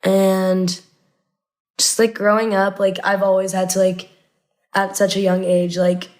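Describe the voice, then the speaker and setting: A young adult American woman from Indianapolis, a native Arabic speaker, casually recalls personal memories as a podcast guest. Her mid-range voice is darkish and flat, her pace unhurried, and she scatters "like" throughout as filler.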